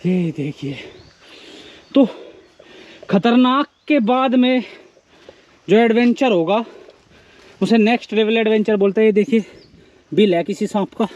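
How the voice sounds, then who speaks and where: High-voiced man vlogging on a forest hike. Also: unhurried, long pauses, a little mellow, muffled recording. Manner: reflective, musing, philosophical asides; talks while hiking barefoot uphill. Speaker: travel vlogger. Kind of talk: casual walking vlog narration. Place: outdoors on a forested hillside.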